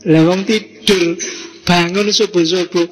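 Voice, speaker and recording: A man with a Javanese accent and a fairly high voice lectures in a relaxed, teasing way, tossing rhetorical questions and slang at his audience. His voice rings through a large hall with a long reverb. Faint music sits underneath. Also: slow pace, husky. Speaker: lecturer on philosophy. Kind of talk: casual lecture to a live audience.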